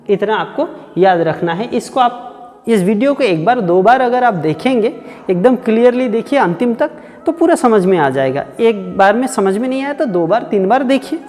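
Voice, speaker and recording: A man teaching a Hindi grammar lesson for exam preparation. He repeats the sounds aloud, slowly and many times. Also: high voice, a little mellow, in a large hall. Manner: slow, repetitive, drills sounds aloud.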